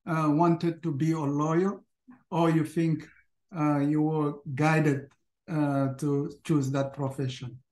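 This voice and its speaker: A male host asks questions over a video call, pausing and saying "uh" often. His voice sits fairly high and carries a roomy echo. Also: flat delivery, darkish tone. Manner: halting, frequent fillers. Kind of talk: interview questions.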